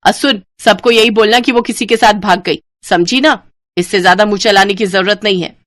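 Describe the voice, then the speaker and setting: A woman voicing a harsh, bossy middle-aged sister-in-law in an animated storybook, scolding loudly. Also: fast talker, no room sound, clean studio sound, close to an everyday voice. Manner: scolding, shrill and loud.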